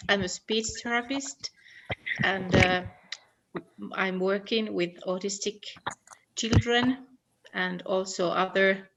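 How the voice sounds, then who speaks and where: Slow-speaking woman. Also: mid-range voice, vocal fry, noisy background. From Finland. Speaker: speech therapist. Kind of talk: online meeting introduction.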